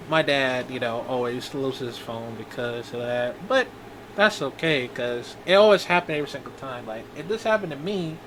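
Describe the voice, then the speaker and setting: A man in his twenties talking in a personal video diary, halting and rambling with many restarts. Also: medium pitch, a bit bright, slight background noise, rough recording. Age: 20s. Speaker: vlogger.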